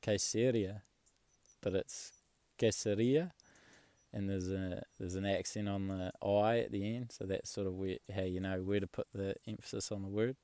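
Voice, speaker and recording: A young man talks in a very low, gravelly voice, loose and rambling, with casual swearing. The sound is close and dry, with no room around it. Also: little pitch movement, fairly quick, hardly any pauses, mellow, no room sound. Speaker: travel vlogger. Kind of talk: casual chat.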